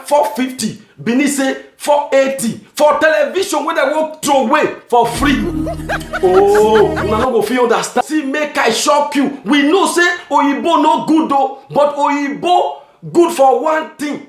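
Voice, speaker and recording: A man from Nigeria with a Nigerian Pidgin accent, doing a comic monologue, shouting his punchlines and laughing at his own jokes. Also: very high-pitched, unhurried. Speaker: stand-up comedian. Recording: echoey room with music behind.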